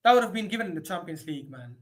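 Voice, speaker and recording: Male streamer calling a match live; excitable reactions, drops low then bursts out loud. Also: rapid-fire. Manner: excitable, swings from low muttering to sudden shouts. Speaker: host of a football watchalong stream.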